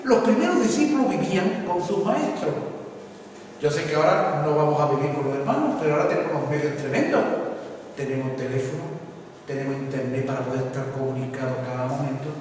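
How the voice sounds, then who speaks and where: A man's voice: a little high, lively intonation, fairly quick, darkish tone. Brief: emphatic male preacher, recorded from a distance in a reverberant hall with faint noise. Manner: emphatic, repetitive preaching, addresses congregation as brother. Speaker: pastor. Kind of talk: sermon. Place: church hall. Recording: echoey church hall from far off.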